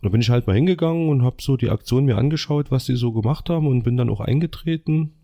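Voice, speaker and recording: A man's voice: medium pitch, fast, mellow. A middle-aged man from East Germany telling his story casually as a podcast guest.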